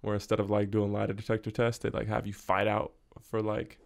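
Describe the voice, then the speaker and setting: A man's voice: on the low side, little pitch movement, a little fast, vocal fry. A man in his twenties co-hosting a podcast, chatting casually and loosely with lots of slang, close on a studio mic in a small room. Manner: slangy, loose, keeps saying bro and hella. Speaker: podcast co-host. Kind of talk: casual chat. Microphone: studio mic on boom arm, wearing headphones.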